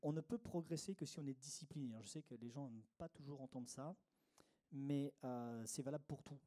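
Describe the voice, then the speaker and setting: A man's voice: medium pitch, a little fast, dark tone. A middle-aged man giving a workshop talk on meditation to a live audience, didactic, repeating his key phrases with frequent fillers.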